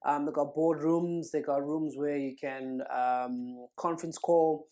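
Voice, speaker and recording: A man's voice: fairly high pitch, fairly even intonation, unhurried, mellow. A young man, co-hosting a casual podcast, laid-back and joking. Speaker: podcast co-host. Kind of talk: casual chat.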